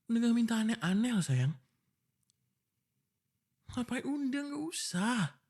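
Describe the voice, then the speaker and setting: A man performs a one-sided boyfriend ASMR roleplay as an exasperated, protective young fiancé arguing ahead of his wedding, annoyed and suspicious as he informally pleads and scolds. His very high voice carries a darkish tone and is very animated and heavily acted, with a slightly slow pace.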